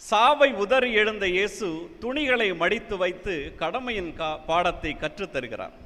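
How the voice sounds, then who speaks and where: A man's voice: high voice, expressive, measured pace, sharp tone. A man giving a dramatic poetry recitation with emphatic, declamatory bursts in a church hall. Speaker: poet reciting at a poetry event.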